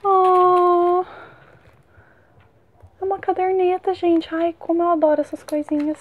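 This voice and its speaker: A young woman vlogging an unboxing, gushing with excited exclamations as she opens gifts. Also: extremely high pitch, brisk, phone-quality sound. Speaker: book vlogger. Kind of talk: unboxing vlog.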